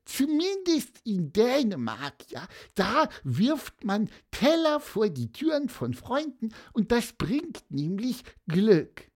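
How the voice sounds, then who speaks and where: A woman voicing a chatty, know-it-all little bird in a children's audio story, lively and talkative. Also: on the high side, takes it slowly, few pauses, exaggerated voice. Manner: lively, talkative, fond of "ja, ja" and "mein Lieber".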